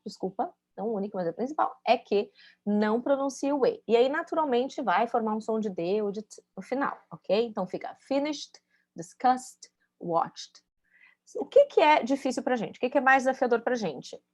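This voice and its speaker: In a casual spoken English pronunciation lesson, a woman whose voice sits high demonstrates sounds, explaining patiently and checking in with her students as she goes.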